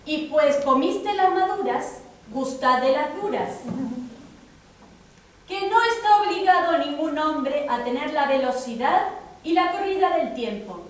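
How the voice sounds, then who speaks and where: A woman on an amateur stage playing a stern judge, measured and declamatory. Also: high voice, lively intonation. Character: stern judge ruling on a marriage. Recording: echoey stage from far off.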